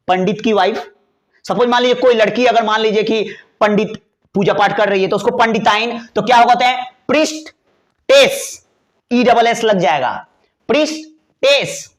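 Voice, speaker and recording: High-voiced man teaching English words. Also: fairly bright tone. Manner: chatty and playful, spells words letter by letter, drawls key words slowly. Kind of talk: classroom lesson explaining vocabulary.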